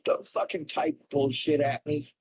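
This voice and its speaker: A man's voice: on the high side, little pitch movement, measured pace, darkish tone, slight background noise, rough recording. A man ranting furiously at his viewers during a livestream, anguished and in emotional distress, swearing heavily. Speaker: streamer. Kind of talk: raw livestream rant.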